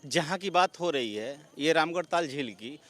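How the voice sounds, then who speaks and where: A man in a street interview arguing forcefully against the government with rhetorical questions. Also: fairly high pitch, expressive, moderate pace. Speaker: interviewee, opposition supporter. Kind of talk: argumentative opinion.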